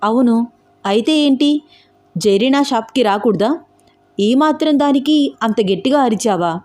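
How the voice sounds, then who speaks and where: A woman voicing a gentle young man in an audio story who talks patiently and tries to persuade. The voice sits a little above her own and keeps a warm, mellow tone. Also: on the high side, lively intonation, measured pace, pitched above the performer's own voice. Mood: puzzled.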